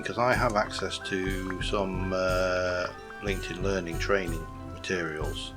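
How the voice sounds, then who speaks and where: Over gameplay and background music, a South Yorkshire man with a light accent, a gaming YouTuber, gives loose, self-mocking commentary packed with fillers and restarts. He has a low, gravelly voice.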